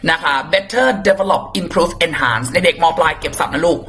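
A man teaching English vocabulary in a casual, playful lesson, chatting warmly and repeating and spelling out words for his students. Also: a little high, measured pace, faint music behind. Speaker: English exam tutor.

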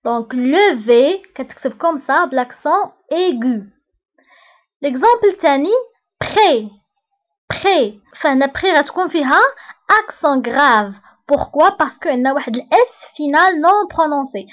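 A woman with a Moroccan accent teaching a lesson, patiently repeating each example word and checking that learners follow. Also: high voice. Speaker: French teacher. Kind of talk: online lesson explanation.

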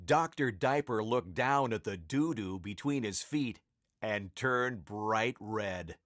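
A man's voice: on the low side, slow, no room sound, studio quality. Playful male storybook narrator. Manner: playful, expressive reading.

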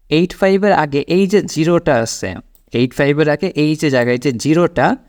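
A man teaches English, his voice rising and falling a lot as he explains. He draws out each example sentence slowly so learners can follow. The sound is close and dry, with no room echo. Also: fairly high pitch, a little mellow. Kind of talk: spoken English lesson.

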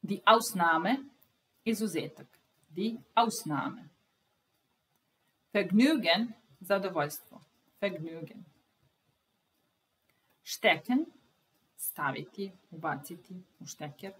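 Slow woman teacher drilling vocabulary. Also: on the low side, far from the mic, low-quality recording. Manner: says each German word, its Serbian translation, then the German word again. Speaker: language teacher.

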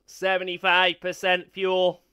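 A bright, metallic cyborg voice, a glitching robot that runs on beer. It barks short, clipped system announcements in a flat drone and climbs high into frantic error alarms. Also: male voice, measured pace, smooth. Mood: flat robotic. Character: malfunctioning beer-fuelled robot, male. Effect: robot voice changer.

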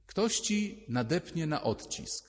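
A man, a priest, giving a lively, conversational sermon and acting out little inner voices as he speaks. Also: fairly high pitch, takes it slowly, big-room sound.

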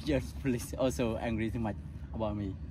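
A Cambodian tuk-tuk driver in his forties, whose first language is Khmer, tells stories in a casual interview using broken English with a Cambodian accent. He laughs often and imitates the people he quotes. His voice is low-ish, warm and steady, a little fast, with slight background noise.

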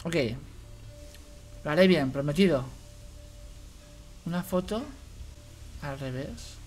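A man's voice: on the high side, takes it slowly, darkish tone, soft background music. A man with a Spanish accent from Spain giving playful gameplay commentary as a youtuber. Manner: playful, translating the game aloud. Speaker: gaming youtuber.

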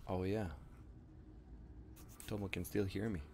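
A man streaming a game live, chatting casually and playfully, thinking out loud and humming nonsense syllables while he plays. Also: low voice, level tone, measured pace, vocal fry, a little hiss or hum. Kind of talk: casual live gameplay chat.

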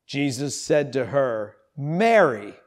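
A man in his fifties, a pastor, preaching and reading scripture in an animated storytelling way, in an empty church. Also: medium pitch, slow pace. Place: empty church sanctuary, indoors.

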